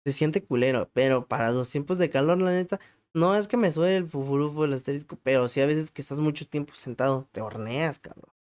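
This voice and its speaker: A man's voice: a little high, a little fast, darkish tone. A man with a Mexican accent hosting a podcast, telling funny, crude stories about himself in casual slang and laughing at his own jokes. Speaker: podcast host. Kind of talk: casual comic storytelling monologue.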